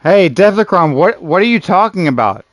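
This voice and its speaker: His high voice is very animated, though his pace stays moderate, and the recording is dry. A gaming streamer in his early thirties, he banters with friends in a loose, slangy way, throwing around "bro" and "dude" and cursing at times.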